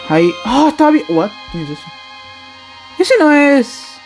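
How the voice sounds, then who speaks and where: A man with an Argentine accent commenting on a horror game as he plays, jumpy and excitable, yelping, laughing and swearing casually. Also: extremely high pitch, unhurried, soft background music. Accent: Argentine Spanish. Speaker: gameplay streamer.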